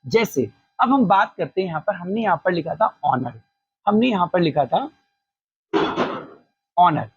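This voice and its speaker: A teacher giving a spoken grammar lesson, who poses a question, answers it, and repeats key phrases slowly. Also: mid-range voice, lively intonation, breathy edge, no echo. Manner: asks a question and then answers it; mixes in short English phrases. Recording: slightly dull lo-fi recording.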